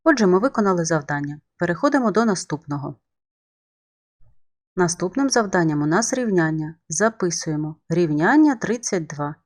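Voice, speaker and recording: A woman's voice: fairly low pitch, animated, moderate pace. A woman math teacher giving a remote lesson voice-over, explaining each step patiently to young pupils.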